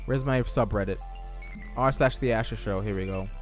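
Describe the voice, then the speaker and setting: Soft music plays behind a young streamer whose voice runs low at a moderate pace. He chats loosely, reads out messages from viewers and responds with casual restarts, and he is losing his voice after streaming so long.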